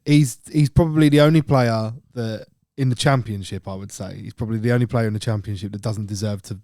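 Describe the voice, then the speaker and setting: A man's voice: fairly low pitch, brisk, a little mellow, no echo, clean studio sound. A man, co-hosting a podcast in a rambling, stop-start casual chat. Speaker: podcast co-host.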